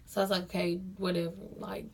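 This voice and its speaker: A woman's voice: on the low side, little pitch movement, fast talker, creaky, darkish tone, a little hiss or hum. Young woman, casual storytime vlogger, talks straight to viewers, repeats lines for emphasis. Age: young adult. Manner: chatty, addresses viewers as y'all, repeats phrases for emphasis.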